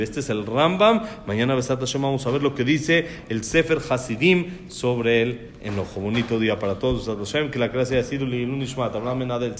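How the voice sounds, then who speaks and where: A man's voice: mid-range voice, slight background noise. A man giving a conversational religious lecture and asking his students questions along the way. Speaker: religious teacher.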